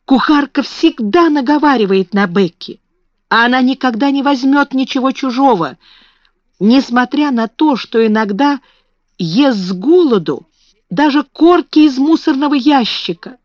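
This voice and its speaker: A woman voicing a brave, kind young girl who speaks earnestly and often in a hush, in a dull lo-fi recording. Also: high-pitched, animated, a little slow, dry recording, pitched above the performer's own voice. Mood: indignant.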